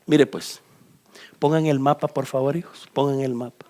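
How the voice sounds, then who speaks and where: A man's voice: medium pitch, normal speed. A man from Guatemala with a Guatemalan accent, preaching a sermon as pastor and talking straight to his listeners while pointing at a map. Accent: Guatemalan Spanish. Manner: animated, addresses listeners directly and points at a map.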